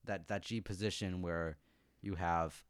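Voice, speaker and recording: A man's voice: low voice, steady tone, measured pace, clear, resonant tone, no room sound. A man co-hosting a casual podcast chat, musing and often restarting as he explains chords. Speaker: podcast co-host.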